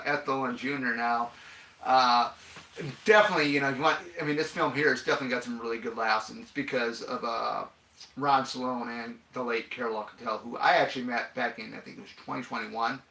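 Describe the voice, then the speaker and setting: A man's voice: medium pitch, gravelly, sharp tone. A man commenting on a film in casual, rambling chat, full of fillers and restarts. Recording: echoey room.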